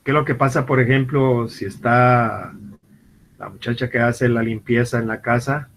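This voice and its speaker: A man's voice: mid-range voice, steady tone, normal speed, a little hiss or hum, low-quality recording. A man giving a university law lecture. He often repeats and restarts words, and he acts out little everyday scenes in quoted voices to explain his points. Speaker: law professor. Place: classroom or online class.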